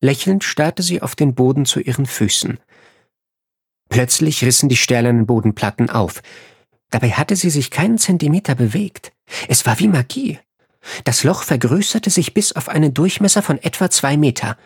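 Man, audiobook narrator, first-person story, measured, husky voice, dry close sound. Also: medium pitch, animated, no room sound.

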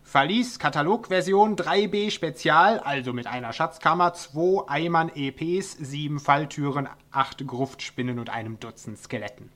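A man voicing a gruff, grey-haired male dwarf builder who talks curtly and bluntly. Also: fairly high pitch, normal speed, hardly any pauses, fairly bright tone, natural voice. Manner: curt, grumpy and blunt.

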